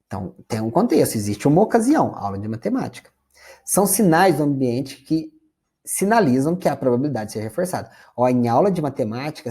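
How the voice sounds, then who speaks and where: Brazilian male lecturer, mellow and slightly husky, chatty classroom delivery. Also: mid-range voice. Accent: Brazilian Portuguese. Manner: conversational, addresses audience as "gente".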